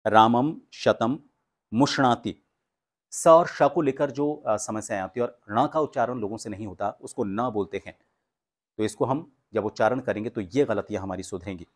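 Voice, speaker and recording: A man giving a pronunciation lesson, explaining patiently and reading practice sentences slowly and with emphasis. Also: fairly low pitch. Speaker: speech coach.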